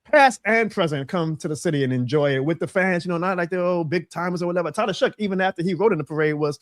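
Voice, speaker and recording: A man's voice: high-pitched, dry recording, studio quality. A man from New Orleans, chatting with enthusiasm as a sports podcast co-host. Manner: enthusiastic, fast and animated. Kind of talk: casual sports podcast chat.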